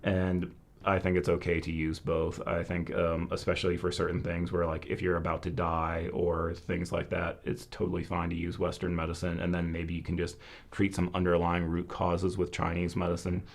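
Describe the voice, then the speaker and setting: A man's voice: sits low, completely flat delivery, normal speed. A man hosting a casual live question-and-answer session, thinking aloud and qualifying what he says. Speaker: host of a Chinese medicine Q&A.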